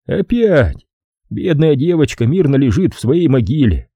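A man reading an audiobook, voicing a calm, weary, grieving old father. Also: a little high, measured pace, husky, dry recording, lo-fi sound, voice pushed up, exaggerated voice. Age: older.

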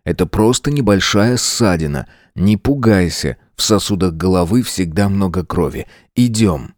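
A man voicing a calm, commanding male lawyer giving firm, clipped orders in a crisis. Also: deep voice, moderate pace, no echo, studio quality.

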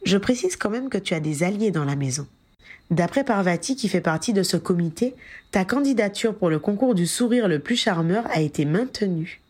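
A woman's voice: medium pitch, expressive, normal speed, a little mellow, slightly rough. A woman reading the lines of Padma, a playful, teasing journalist friend, in an audiobook.

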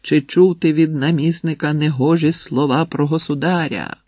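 A man voicing a stern, commanding old prince who interrogates prisoners, with a husky voice in a dry recording. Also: fairly high pitch, steady tone, normal speed, a little mellow, no echo, pitched above the performer's own voice, natural voice. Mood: furious. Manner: commanding, barking orders.

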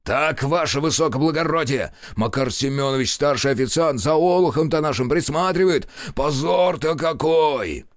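Man voicing an old cook, furious father, high shouting voice, folksy scolding, dry close sound. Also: expressive, moderate pace, hardly any pauses, dry recording, lightly acted. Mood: lamenting.

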